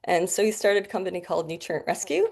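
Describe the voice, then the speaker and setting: She's a guest doctor in her forties, originally from the Bahamas, with a North American accent, chatting through her story in a casual interview and laughing along the way. Her low-leaning voice is expressive and slightly mellow, with vocal fry, and she talks fast.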